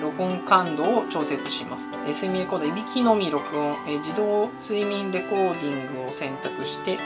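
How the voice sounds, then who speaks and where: Fast-talking young man chatting over music. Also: sits high. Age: young adult. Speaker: vlogger testing an app. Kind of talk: casual chat to camera. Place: small home room with desk and acoustic foam. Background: background music with guitar.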